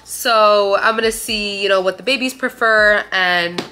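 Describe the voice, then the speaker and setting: A woman's voice: mid-range voice, a little slow, pushed and bright. A young woman from Romania talking to her viewers in a casual haul video, chatty and gushing, filler words everywhere, recorded in a living room on a camera in front of her. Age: young adult. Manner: gushing, chatty, says "like" a lot. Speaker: vlogger. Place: bright living room indoors.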